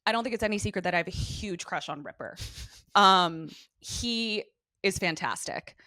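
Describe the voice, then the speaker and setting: A woman's voice: mid-range voice, moderate pace, dry recording, studio quality. A woman co-hosting a podcast, chatting casually and acting out character lines as she recaps. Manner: animated, acts out character lines. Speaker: podcast co-host.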